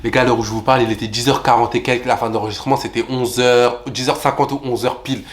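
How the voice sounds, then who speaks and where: A young man telling a personal travel story to his viewers in an animated vlog style, talking straight to them and jumping into high voices to act out what people said. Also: fast talker, slight background noise. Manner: animated, addresses viewers as "les gars", jumps into high voices for quotes. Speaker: vlogger.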